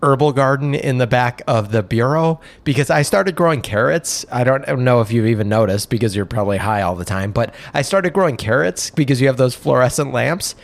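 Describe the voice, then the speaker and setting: A man's voice: mid-range voice, expressive, a little fast, creaky, hardly any pauses. A man co-hosting an improvised comedy podcast, joking and punning in playful banter. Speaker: podcast co-host.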